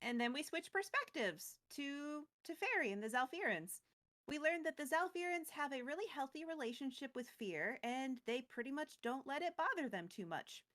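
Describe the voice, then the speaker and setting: Retelling a story on the recap show she co-hosts, a woman keeps things chatty and casual, tossing in wry, playful asides. Her slightly high voice has a fairly bright tone and expressive delivery at normal speed.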